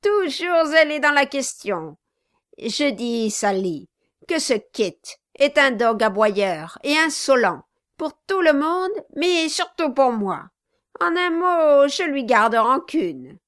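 A bullying male dwarf barks and sneers in a raised, high-set voice, as a woman reader puts him on. He is domineering and scheming, in a dry, close storybook recording. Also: sing-song, takes it slowly, no room sound, full character voice. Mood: scornful. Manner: loud, mocking, bullying. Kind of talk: audiobook character reading.

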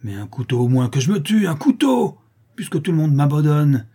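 A man's voice: mid-range voice, a little fast, dark tone, voice pushed up, natural voice. A man reading aloud and voicing a blinded, hulking murderer gone desperate and pleading.

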